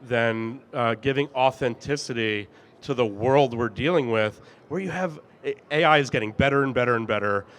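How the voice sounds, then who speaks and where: A man hosts a business interview and talks with eager enthusiasm. His questions are scattered with ums and restarts. His voice sits at a mid pitch. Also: normal speed, a bit bright. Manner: enthusiastic, filler-heavy with many ums. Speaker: interview host, company CEO. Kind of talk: conversational interview.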